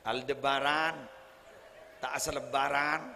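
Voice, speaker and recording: Madurese-accented preacher, slow and booming in a hall. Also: male voice, steady tone, background noise. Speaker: Islamic preacher. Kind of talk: humorous religious sermon at a wedding gathering. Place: large hall at a wedding celebration. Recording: live hall sound with faint crowd ambience.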